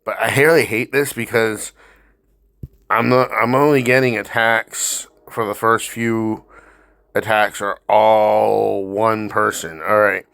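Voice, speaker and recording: A man's voice: fairly low pitch, steady tone, takes it slowly, gravelly, fairly bright tone, no room sound, clean studio sound. A man giving casual, blunt, instructive commentary over his own gameplay as he walks through tactics. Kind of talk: casual mobile game walkthrough commentary.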